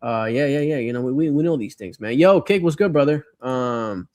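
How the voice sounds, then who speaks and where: A middle-aged American man from Miami hosts a livestream, reading viewer comments and chatting casually and nostalgically in slang. His medium-pitched voice has lively intonation and a darkish tone at a moderate pace, with no room sound.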